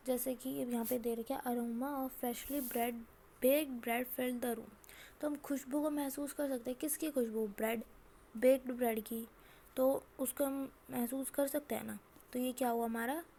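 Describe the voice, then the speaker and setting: High-voiced woman teaching a class. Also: fairly even intonation, mellow, a little hiss or hum. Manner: asks and answers her own questions, reads examples slowly. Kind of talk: classroom lesson.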